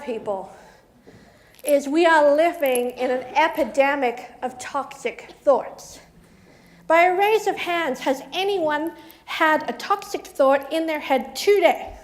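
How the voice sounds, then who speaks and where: A woman business coach giving a motivational talk to a live audience, playful and lively, acting out the voices in her head. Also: high voice, slow. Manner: lively, playful, acts out inner voices with mock quotes. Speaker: keynote speaker and business coach. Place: event hall in front of an audience.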